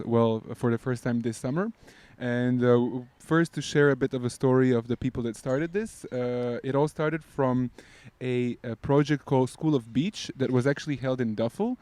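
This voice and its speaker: A man speaks as a guest in a relaxed outdoor podcast chat, explaining things at length with plenty of fillers. His voice is smooth and clear, and the recording sounds dry and close. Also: medium pitch, no room sound. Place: outdoors by beach volleyball courts.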